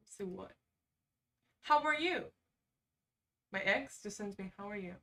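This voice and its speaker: A woman with a mid-range, somewhat bright voice speaks a little slowly but with animation, picked up by a distant mic. She's hosting a casual livestream, chatting informally, reading quizzes aloud and tossing off sarcastic asides.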